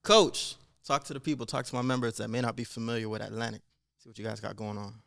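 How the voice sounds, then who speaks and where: A man with a gravelly edge to his mid-pitched voice fires off punchy, energetic prompts. He hosts a sports interview. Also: quick pace.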